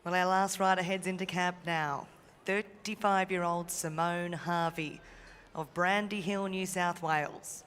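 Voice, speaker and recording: An Australian woman hosts a live event with an even, level delivery. Her voice carries through a reverberant arena PA with some faint noise behind it. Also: on the low side, unhurried. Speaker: event host and co-announcer.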